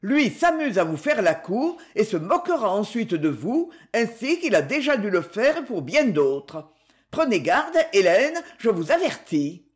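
Woman doing a snippy arrogant stepmom, raised high and loud, voice swooping all over the place. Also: very animated, measured pace. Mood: furious. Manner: acerbe, haughty, scolding. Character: sharp arrogant middle-aged stepmother, scolding. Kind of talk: audiobook reading.

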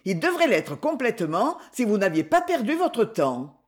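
A woman's voice: fairly high pitch, sing-song, moderate pace, darkish tone, voice pushed up. A haughty, acid-tongued stepmother lashes out in a raised, piercing voice, as a woman reader puts her on. Her lines rise and fall sharply. She is plainly scornful and commanding. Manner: acerbe, haughty, scolding. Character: sharp arrogant middle-aged stepmother, scolding. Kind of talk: audiobook reading.

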